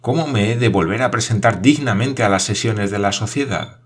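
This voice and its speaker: Paganel, a man doing an excitable scholar. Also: fairly low pitch, breathy edge, pitched above the performer's own voice. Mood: dismayed. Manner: rapid enthusiastic declaiming. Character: excitable absent-minded French geographer, middle-aged man.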